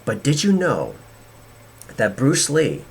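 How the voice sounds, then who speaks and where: A man's voice: mid-range voice, wildly swooping pitch, slow, gravelly, a little hiss or hum. A man hosting a podcast, talking in a casual, rambling way with many restarts and fillers. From United States. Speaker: podcast host.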